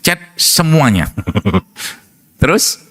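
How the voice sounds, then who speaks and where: A man's voice: fairly high pitch, very animated, very slow, a bit bright. A middle-aged man, a preacher and doctor, gives a casual religious talk full of anecdotes, chuckling often and asking rhetorical questions. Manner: chatty storyteller, laughs often, asks rhetorical questions.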